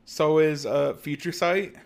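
A young man co-hosting a podcast in casual chat, often pausing to search for words. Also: fairly high pitch, fairly even intonation, creaky. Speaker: podcast co-host. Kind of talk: casual chat about an anime.

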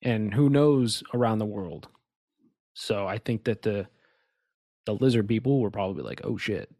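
A man's voice: lowish voice, moderate pace, dark tone, no room sound. Rambling man on a dry podcast mic. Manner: rambling, emphatic, with many restarts and asides. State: has the hiccups. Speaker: podcast co-host. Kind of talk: casual conspiracy chat.

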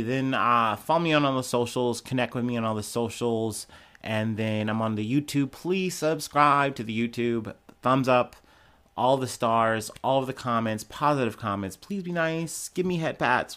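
A man's voice: mid-range voice, lively intonation, moderate pace, fairly bright tone. A young man hosting a solo news podcast, reading quotes aloud and then riffing on them in a loose, profane, chatty way. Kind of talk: casual solo news commentary.

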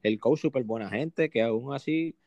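A young man with a Puerto Rican accent telling stories casually in an interview, animated and full of restarts. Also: mid-range voice, moderate pace, vocal fry, no echo, lo-fi sound. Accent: Puerto Rican Spanish. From Puerto Rico. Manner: animated, acts out quotes with restarts. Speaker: guest, basketball player.

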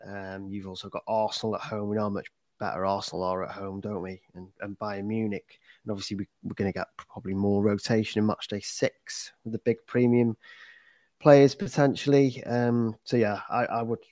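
A man chats as a podcast co-host in a slightly low voice with a dry, close sound. His casual analysis comes out hesitantly, with words often repeated. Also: level tone, fairly quick, darkish tone, no room sound. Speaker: co-host and panellist.

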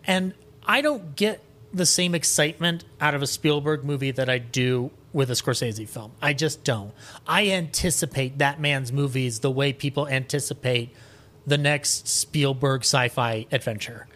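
Speaking at a medium pitch and moderate pace, with a slightly bright tone, a man chats casually as a podcast guest. He gives opinionated takes on music and film with emphasis and enthusiasm, often restarting partway through a thought.

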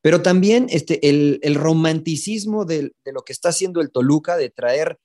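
A Mexican man talking soccer in a loose, casual chat, his voice sitting high for a man. He stumbles and repeats words while he thinks aloud. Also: normal speed, mellow. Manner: hesitant, repeats words, joking storyteller. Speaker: podcast co-host and analyst.

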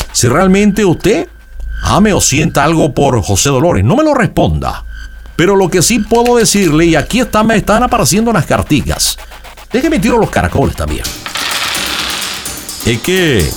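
A man playing a dramatic psychic who reads cards and shells, asking sing-song leading questions. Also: high voice. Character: theatrical male psychic reading cards and shells. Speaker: fortune teller on a call-in. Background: background music.

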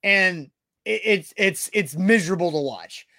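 A man's voice: high voice, animated, unhurried, pushed and bright, no room sound, clean studio sound. A man hosting a casual sports talk podcast, blunt and repeating himself when worked up. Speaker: podcast host.

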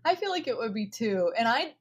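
A woman's voice: on the high side, big pitch swings, brisk, slightly rough. A young woman chatting casually on a podcast as a guest, laughing often and using lots of fillers.

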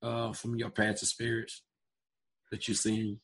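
Male interview host, hoarse and husky, fairly flat delivery, halting and apologetic. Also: fairly low pitch. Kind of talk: casual interview.

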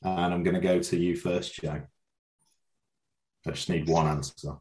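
Deep-voiced man hosting, echoey room. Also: fairly even intonation, unhurried, a little mellow. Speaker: quiz host on a football podcast. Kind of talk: casual banter, quizmaster. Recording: roomy, echoey sound.

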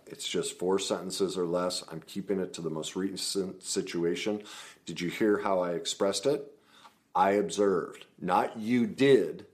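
A man teaching about communication in relationships, earnest and emphatic, acting out sample dialogue. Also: low-pitched. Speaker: relationship coach.

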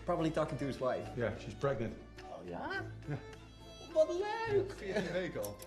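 A man's voice: a little high, huge pitch swings, normal speed, loud music behind the voice. A man playing a friendly, chatty Dutch local with a Dutch accent in naturalistic film acting. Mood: casual, friendly.

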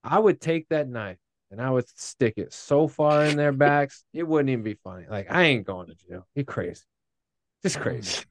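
A man co-hosting a casual podcast chat, asking questions in a laid-back, drawn-out, jokey way. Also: mid-range voice, lively intonation.

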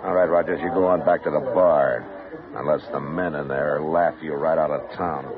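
A man playing a calm, commanding frontier marshal who gives firm, clipped orders, in 1950s radio drama style. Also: rumbling low, normal speed, a crowd in the background. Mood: weary, wry. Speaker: town marshal. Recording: tinny lo-fi old radio broadcast.

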